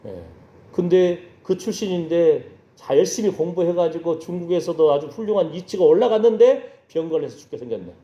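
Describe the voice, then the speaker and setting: A man's voice: on the high side, expressive, brisk, dark tone. A male pastor preaching a sermon, telling a story and acting out the voices of the people in it, often asking his congregation whether they follow. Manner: storytelling, acts out voices in dialogue, checks in with the congregation. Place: church sanctuary. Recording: echoey church hall, dull lo-fi sound.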